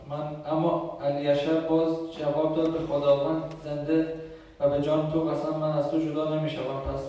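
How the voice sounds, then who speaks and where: Monotone man reading scripture in an echoey hall. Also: a little high, far from the mic. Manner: slow, flat, measured reading. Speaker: scripture reader. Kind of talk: reading scripture aloud in church.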